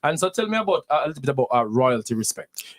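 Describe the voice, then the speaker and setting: A man's voice: mid-range voice, sing-song, racing. A man hosting a radio talk show, chatting casually with guests, with frequent fillers and a playful island-style turn of phrase. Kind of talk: casual interview chat.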